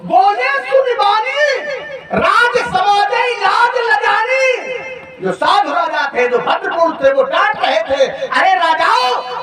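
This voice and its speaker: Guy acting as a cocky young warrior prince, super high voice, mocking and shouting, far off with a big noisy crowd. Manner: mocking, combative, shouts rhetorical questions; chants verses in drawn-out sung lines. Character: young male warrior prince, proud and defiant. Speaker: Ramlila stage actor. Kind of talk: Ramlila stage debate. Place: outdoor village stage. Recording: distant echoey live stage recording with loud crowd.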